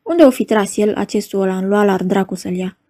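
A woman's voice: mid-range voice, mellow, lightly acted. A woman reading an audiobook, voicing a nervous male finance director who talks shrilly and agitatedly. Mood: irritated.

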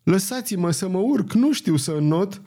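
A man's voice: high voice, lively intonation, warm tone, voice pushed up. A man doing a terrified pleading ferryman. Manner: panicked, begging, breathless. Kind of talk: audiobook character voice.

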